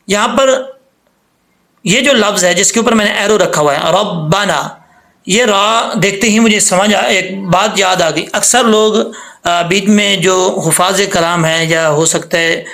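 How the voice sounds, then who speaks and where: A man with a high-pitched voice teaches Quran recitation, walking through pronunciation step by step. He explains patiently, then stretches each example word out slowly so it can be copied. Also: bright, forceful tone. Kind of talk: tajweed lesson.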